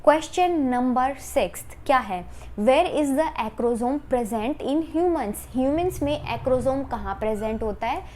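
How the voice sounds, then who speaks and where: A young woman teaching a biology exam-prep lesson. She asks questions and answers them herself, reading English question text slowly before explaining it again in Hindi mixed with English. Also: high voice, expressive, darkish tone, a little hiss or hum.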